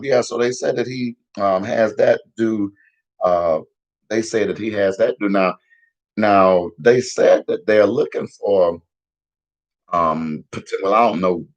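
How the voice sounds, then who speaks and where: A man giving casual, profane news commentary in a heated, repetitive rant, a little hoarse. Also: on the low side, muffled recording. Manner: profane, heated, repetitive, laughs at own jokes. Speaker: vlogger giving street-style news commentary.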